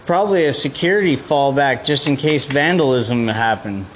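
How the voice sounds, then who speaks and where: A man's voice: mid-range voice, normal speed. Brief: male vlogger, ordinary mid voice, keeps saying "right", faint noise behind him. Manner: agreeable, many short interjections like "right". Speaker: vlogger host. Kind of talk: casual conversation.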